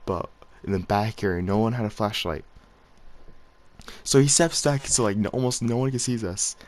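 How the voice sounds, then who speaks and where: Man, low voice, casual storytelling, slangy, rambling vlog talk. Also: moderate pace. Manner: slangy, rambling, laughs while telling. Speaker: vlogger.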